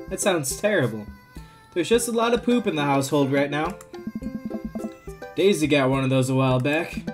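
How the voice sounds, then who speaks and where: A man hosting a gameplay video, reading a dating-sim script aloud with lively, chuckling reads of the lines. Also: fairly high pitch. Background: game music.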